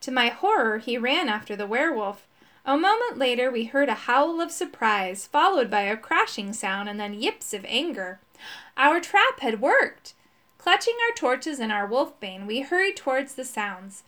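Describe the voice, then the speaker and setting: A woman narrating a storybook with plenty of expression. Her voice sits fairly high and leaps around in pitch. She leans into the suspense and the silly moments alike. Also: moderate pace. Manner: expressive, dramatic reading. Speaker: audiobook narrator.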